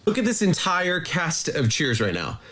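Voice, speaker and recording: A man's voice: on the high side, huge pitch swings, normal speed, pushed and bright. A man in his thirties delivering an emphatic, punchy rant in a social media clip. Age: 30s. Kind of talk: direct-to-camera rant.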